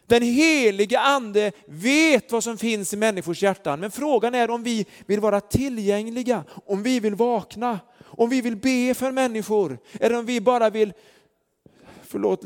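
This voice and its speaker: A man preaching a sermon, telling stories earnestly with lots of fillers. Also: high voice. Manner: earnest storytelling with many fillers. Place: church hall. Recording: long church hall reverb.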